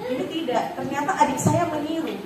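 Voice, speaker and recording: A woman speaks to a room of parents in a relaxed, chatty way, her voice a little high for a woman. She sounds distant from the microphone, with strong echo and steady background noise. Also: fairly quick. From Batak. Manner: conversational, acts out quoted mother. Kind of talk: informal workshop talk. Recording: echoey room, far from mic, noisy.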